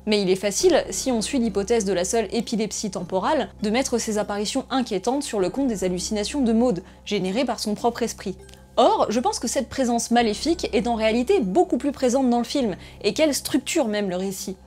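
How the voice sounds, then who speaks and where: A woman narrating a scripted film analysis essay in a measured, analytical way. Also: a little high, animated, darkish tone, faint music behind.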